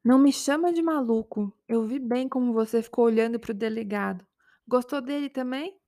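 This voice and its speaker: A woman's voice: a little high, moderate pace, dark tone, dry recording, studio quality, close to an everyday voice. A woman voicing a young man, a jealous and hot-tempered boyfriend who argues defensively with his girlfriend in a spoken story. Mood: defensive, angry. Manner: defensive, quarrelsome.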